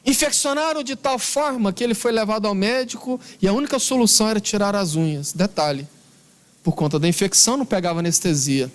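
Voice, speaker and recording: Man, Brazilian Portuguese accent, spiritist lecturer, fairly high voice, earnest storytelling. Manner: earnest, emphatic, slowing down on key words.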